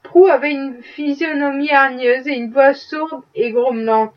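A woman narrating a classic novel in a steady, measured reading. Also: high-pitched. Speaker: audiobook narrator. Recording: dull, distant-sounding audiobook recording.

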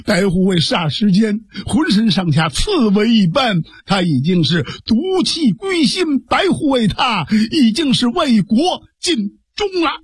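Male storyteller, high and husky, dramatic delivery, dry close recording. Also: a little slow, hardly any pauses, no echo. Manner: lively, dramatic storytelling with exclamations. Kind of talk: Chinese storytelling performance. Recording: dry studio broadcast.

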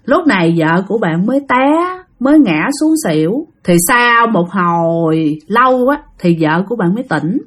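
A woman's voice: medium pitch, lively intonation, moderate pace, few pauses. Chatty woman storyteller. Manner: chatty, addresses listeners directly. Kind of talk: spoken ghost story narration.

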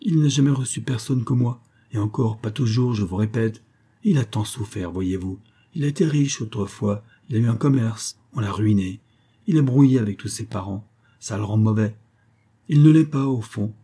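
A man's voice: fairly low pitch, normal speed, mellow, slightly rough. A man voicing a poor, devoted old woman who pleads anxiously, for an audiobook. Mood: pleading.

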